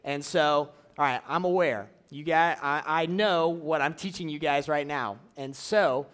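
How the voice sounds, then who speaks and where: A young man preaching casually to a church audience, drawing out key phrases slowly and running a live object lesson. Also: on the high side, a bit bright, clear, resonant tone. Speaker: youth pastor.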